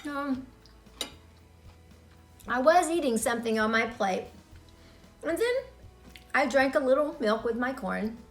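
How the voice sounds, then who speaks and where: Soft background music plays as a middle-aged woman with a voice that sits high tells children about her childhood. She takes her time, expressive and deliberate, with dramatic pauses.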